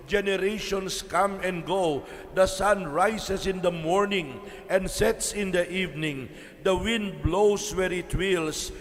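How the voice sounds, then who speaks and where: Priest man preaching slow at the pulpit mic, high-ish voice, long church echo. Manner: slow, measured preaching with dramatic pauses. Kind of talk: homily.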